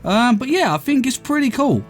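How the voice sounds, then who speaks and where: High-voiced man, slight lisp. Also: big pitch swings, normal speed, soft background music. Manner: chatty, keeps addressing viewers as guys. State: slight lisp from a tongue ulcer. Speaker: let's play host. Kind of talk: casual game commentary.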